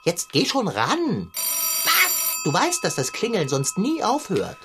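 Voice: mid-range voice, wildly swooping pitch, takes it slowly, music in the background. A performer playing a fussy, pompous talking tomcat who speaks in stilted, old-fashioned words with dry mockery, in a children's TV comedy.

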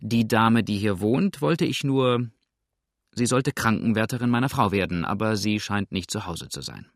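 A cocky male crook talks his way out, as a male narrator puts him on, first stumbling over his words, then brusque and defiant. The voice is low and close, recorded dry. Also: lively intonation, moderate pace, no echo. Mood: evasive.

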